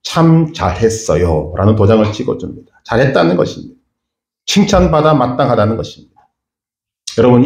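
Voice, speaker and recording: A man's voice: mid-range voice, a little mellow, echoey room. A middle-aged male pastor preaching a sermon in a church, earnest and asking the congregation questions. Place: church sanctuary.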